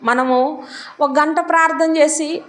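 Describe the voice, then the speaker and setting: High-pitched woman preacher; personal sermon style, climbing into emphatic, repeated declarations. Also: fairly even intonation, slow, a bit bright.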